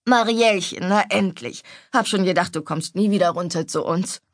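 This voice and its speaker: A woman voicing a stout, older female cook who is bossy but motherly, fussing and scolding warmly. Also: on the low side, moderate pace, dry recording, clean studio sound, close to an everyday voice.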